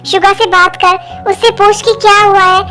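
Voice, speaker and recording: A woman's voice: very high-pitched, flat delivery, moderate pace, over music. A woman voicing an earnest young female friend in a Hindi fan dub, urging and pleading.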